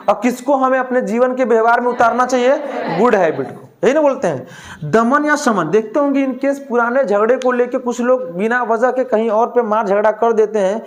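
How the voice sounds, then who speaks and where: A male teacher, lecturing a class, asking questions and answering them himself, with a joke now and then. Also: extremely high pitch.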